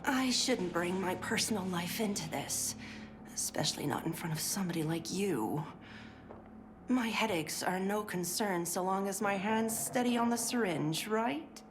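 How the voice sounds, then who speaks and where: This is scripted game voice acting of a chirpy 1950s clinic worker, a woman who is sugary and overly polite yet strained, pill-addled, and fraying, often dropping to a whisper. The lightly acted delivery sounds frayed, in a medium-pitched voice that is a little slow, with steady background noise.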